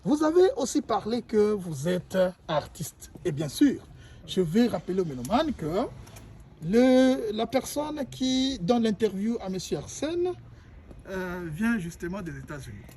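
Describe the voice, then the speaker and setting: A man's voice: sits high, sing-song, measured pace, darkish tone, slight background noise. Rambling male interviewer. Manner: repetitive, rephrases questions, many fillers. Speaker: interviewer, journalist. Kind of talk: casual interview questions.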